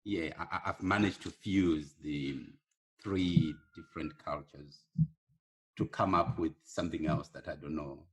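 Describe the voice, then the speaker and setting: A middle-aged man with a Zimbabwean accent, a podcast guest speaking slowly and hesitantly with many pauses. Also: very deep voice, breathy edge. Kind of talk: casual podcast interview.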